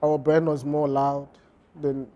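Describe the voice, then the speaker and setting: This interview guest, a fashion designer, talks slowly about his brand in a slightly high, monotone voice with a warm tone. He hesitates throughout, restarting often and filling gaps with fillers.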